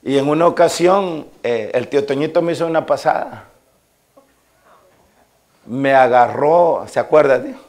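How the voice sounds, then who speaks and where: With long pauses and a darkish, mid-range voice at normal speed, a male Salvadoran-accented pastor preaches to his congregation. Folksy personal anecdotes addressed to the listeners give way to emphatic preaching that presses his points.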